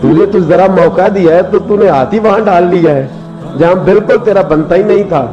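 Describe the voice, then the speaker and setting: A man's voice: high-pitched, normal speed, dull audio, lightly acted. A man voicing a powerful lion king in a sermon parable, speaking bluntly and commandingly.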